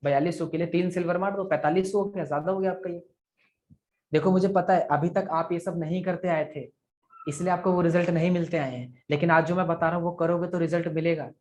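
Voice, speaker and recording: A man's voice: on the high side, steady tone, fast talker, a little mellow. Man coaching sales over a video call. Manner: coaching, repeats figures aloud, asks "ठीक है?". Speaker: affiliate marketing sales trainer. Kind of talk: live online training session.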